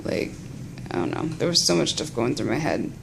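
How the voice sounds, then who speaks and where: Gravelly, halting woman in a casual vlog. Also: a bass voice, lively intonation. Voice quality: gravelly, creaky. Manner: halting, rambling. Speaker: patient vlogging after surgery. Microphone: phone. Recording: noisy phone recording.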